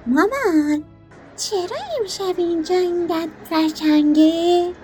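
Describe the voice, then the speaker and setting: A very high, wondering little girl's voice for a storybook. She sounds eager and hopeful, full of childish wonder. Soft music plays underneath. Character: eager little girl at a shrine, wide-eyed, hopeful.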